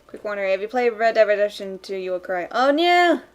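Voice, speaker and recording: A woman streamer chatting casually while she draws, rambling with many fillers and quick laughs. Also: mid-range voice, steady tone, clean tone. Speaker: streamer drawing live. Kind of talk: casual chat while drawing. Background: faint background music.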